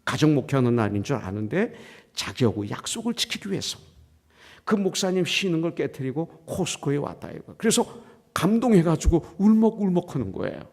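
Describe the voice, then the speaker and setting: A man's voice: a little high, sing-song, brisk, a little mellow. A middle-aged male pastor preaching a sermon in a church, telling a story and acting out its dialogue, slipping English phrases into his talk. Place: church sanctuary. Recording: long reverb of a church hall.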